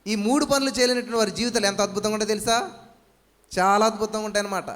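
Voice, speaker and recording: A man's voice: sits high, fairly even intonation, rapid-fire, big-room sound. A man preaching a sermon as pastor, fervent and full of rhetorical questions, often calling out hallelujah. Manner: shouted commands when casting out.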